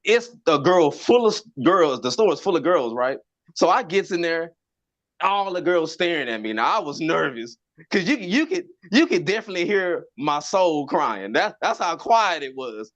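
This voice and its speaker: A male comic works through a stand-up set with a lively, swinging voice. He stumbles over his words and repeats them as he tells his stories. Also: a little high, normal speed, highs cut off. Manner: stammering repeats, animated storytelling. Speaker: stand-up comedian.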